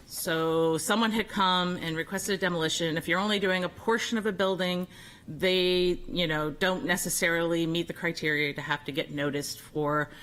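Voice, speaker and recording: A woman's voice: on the low side, fairly bright tone, poor audio. A woman who sits on a city board giving background at a public meeting, conversational and explanatory. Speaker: board member.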